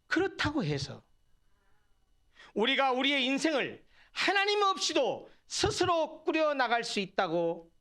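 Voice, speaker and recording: High-voiced, lively male preacher. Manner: earnest, asks the congregation rhetorical questions. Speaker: pastor. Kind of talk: sermon. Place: church sanctuary.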